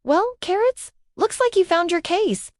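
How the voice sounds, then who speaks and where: A woman's voice: high-pitched, very animated, normal speed, no echo, clean studio sound. A woman voicing a sly, wary male fox who talks sarcastically, in a storybook reading. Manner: sarcastic, cautious.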